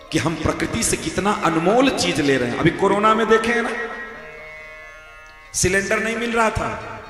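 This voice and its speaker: A man giving a devotional sermon, telling stories and acting out the characters' lines in lively dialogue. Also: high-pitched. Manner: animated storyteller voicing characters in dialogue. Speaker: spiritual preacher. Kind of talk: Hindi devotional sermon with storytelling. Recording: echoey hall with long reverb, faint music.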